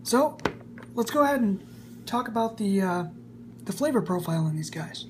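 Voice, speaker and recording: In a small room, a man in his twenties records a casual, enthusiastic snus review on camera. His high-pitched voice is animated and moves at a moderate pace, with a faint hum in the background.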